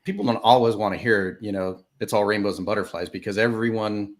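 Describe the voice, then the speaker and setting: A hoarse man hosting a podcast, plainspoken and encouraging, often clearing his throat. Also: lowish voice, steady tone, fairly quick. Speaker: podcast host. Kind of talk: casual conversational interview.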